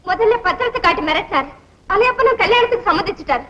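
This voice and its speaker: A woman's voice: very high-pitched, lively intonation, quick pace, fairly bright tone. An actress playing an anxious young woman pleading insistently, in 1960s film acting style, on a dull old film soundtrack.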